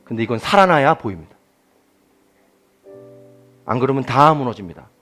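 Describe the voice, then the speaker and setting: A man preaching a Sunday sermon as pastor, moving between quiet confiding asides and loud emphatic declarations. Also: medium pitch, sing-song, moderate pace, faint music behind. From South Korea.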